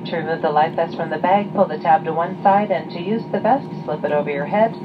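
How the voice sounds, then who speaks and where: A woman's voice: lowish voice, fairly quick. A flight attendant, a woman, reading a formal safety announcement over the airplane cabin PA. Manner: scripted, formal. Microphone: camera in passenger seat. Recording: distant lo-fi cabin recording, loud engine noise. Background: loud aircraft engine hum.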